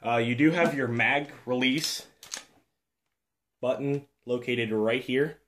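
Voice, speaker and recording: Man, mid-range voice, casual home vlogger, halting and filler-heavy, laid-back and self-deprecating. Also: mid-range voice, a bit bright, a little hiss or hum. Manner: rambling, halting, full of fillers and restarts. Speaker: airsoft gun reviewer. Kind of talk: casual show-and-tell vlog.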